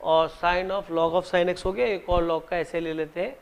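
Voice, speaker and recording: Man teaching maths, high voice. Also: steady tone, clean tone. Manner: scolding, joking asides to students; slow, spelled-out dictation of formulas. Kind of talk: classroom lecture.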